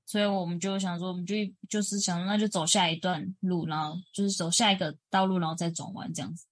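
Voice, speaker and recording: A woman's voice: fairly low pitch, steady tone, quick pace, no echo. Casting: woman, podcast co-host, chatty storyteller, dry close mic. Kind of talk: casual chat.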